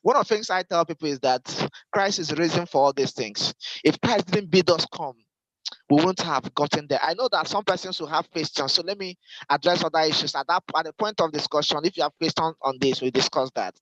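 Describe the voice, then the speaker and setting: A man with a high voice gives a church training lecture to Sunday school teachers. He speaks directly and instructively. He repeats his key points for emphasis. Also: fairly quick, fairly bright tone, no echo, low-quality recording.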